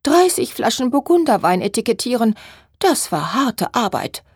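A woman putting on a whiny, high-voiced seamstress. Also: very animated, moderate pace, husky, no room sound, studio quality, heavily acted. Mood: whining. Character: shrill complaining woman seamstress, doting mother. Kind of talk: audiobook reading.

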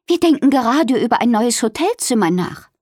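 A woman's voice: on the high side, big pitch swings, moderate pace, a little mellow, no room sound, studio quality, voice pushed up. A woman voicing a cheerful, busy female hotel keeper in a storybook reading.

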